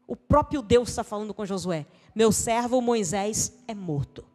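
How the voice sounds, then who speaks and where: A Brazilian woman preaching a sermon as a missionary pastor, dramatic, swinging between shouting and hushed tones and acting out quoted dialogue. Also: medium pitch, lively intonation, a little slow. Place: church hall. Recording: long church-hall reverb.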